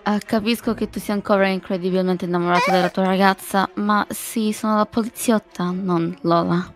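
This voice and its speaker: A woman playing a policewoman in a Minecraft role-play, talking in a stern, calm, matter-of-fact way and slipping in English phrases. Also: mid-range voice, normal speed, music in the background.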